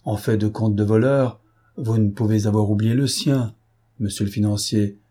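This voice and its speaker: A man's voice: lowish voice, steady tone, normal speed, dark tone, husky. A man voicing a haughty nobleman who speaks with ironic superiority. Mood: mocking. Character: haughty, mocking nobleman prince.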